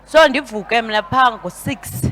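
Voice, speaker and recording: A woman's voice: fairly high pitch, a little slow, a bit bright, slight background noise. A woman with a Xhosa accent telling her story spontaneously as a church visitor giving testimony.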